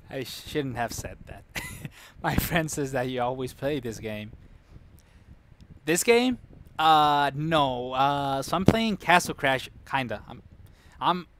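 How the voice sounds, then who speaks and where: A man's voice: medium pitch, fairly bright tone, a little hiss or hum. Chatty streamer man telling a rambling story. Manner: chatty, laughs often, restarts and corrects himself; reacts to chat mid-story.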